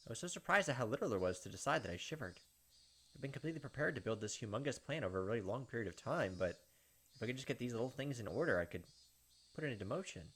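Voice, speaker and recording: During a playthrough, this male gaming host voices a visual novel's narration and slips in quick asides. He has a mid-range, husky, somewhat bright voice and an expressive, rapid-fire delivery over the game's music.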